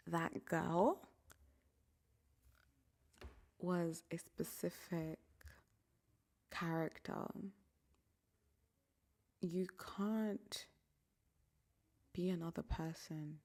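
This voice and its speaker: A woman's voice: lowish voice, steady tone, slow, pauses often, mellow. A young woman from Africa hosting a solo podcast, talking candidly and reflectively into a microphone. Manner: candid and reflective, often dropping to a near whisper. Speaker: podcast host. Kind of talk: casual solo podcast monologue.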